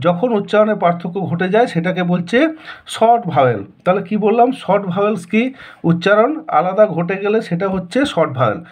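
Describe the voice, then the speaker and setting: A man's voice: high-pitched, animated, fast. A man with a Bengali accent teaching a school lesson, asking questions and answering them himself in a repetitive way. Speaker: English teacher. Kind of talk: classroom lesson explanation.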